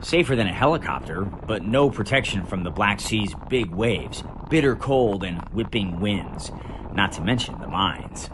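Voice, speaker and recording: Reading a scripted report as voice-over, this American news correspondent speaks in a dramatic, measured style, pausing deliberately. He has a lowish, expressive voice, and there's noise in the background.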